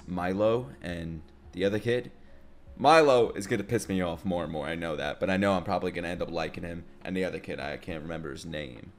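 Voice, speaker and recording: A young man hosting a reaction video in a casual, slangy, exclamatory way, with some swearing. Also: sits low. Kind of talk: casual, excited live reaction commentary.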